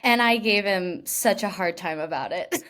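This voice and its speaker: Here the interviewed actress, a young Washington state woman, speaks in a mid-range, somewhat bright voice at a moderate pace, with a little hiss or hum on the recording. Her talk is casual and full of laughter, "like" fillers, and restarts.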